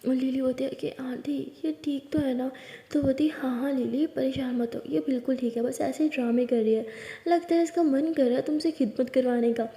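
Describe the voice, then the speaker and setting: Soft-spoken woman telling a story, echoey. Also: sits high, steady tone, a little fast. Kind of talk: storytelling narration with acted dialogue. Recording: echoey room with long reverb.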